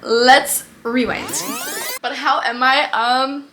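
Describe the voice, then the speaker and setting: Over music, a high-pitched woman's voice speaks slowly with a steady tone. She's a US vlogger in her twenties doing a Q&A to her camera mic, upbeat and laughing easily, often dropping "like".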